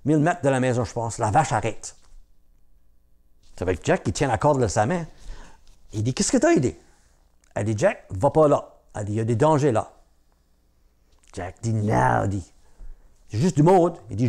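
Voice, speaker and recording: A man's voice: medium pitch, darkish tone. A man telling a folk tale aloud in a conversational way, with asides to his listeners. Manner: conversational, repetitive "il dit" framing, asides to listeners. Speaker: storyteller.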